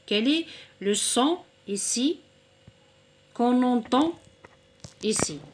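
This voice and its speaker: A woman teaching a recorded reading lesson for children, saying each word slowly, splitting it into syllables and repeating it patiently. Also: a little high, expressive, a little hiss or hum. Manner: slow and deliberate, splitting words into syllables.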